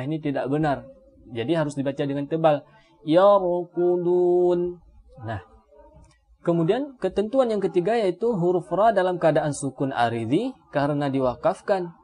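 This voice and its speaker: A man with an Indonesian accent teaching a Quran recitation lesson, calmly explaining rules and slowly drawing out example words. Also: a little high. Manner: slow drawn-out Arabic demonstration words between calm explanation. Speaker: tajwid teacher.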